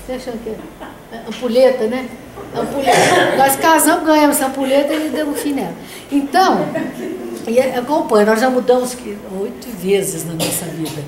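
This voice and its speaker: A woman's voice: high voice, fairly quick. Older woman telling anecdotes in an echoey hall. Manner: anecdotal, conversational, frequent "né?". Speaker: study group facilitator. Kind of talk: spiritist study group talk. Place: meeting room of a spiritist center. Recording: roomy echo with background noise.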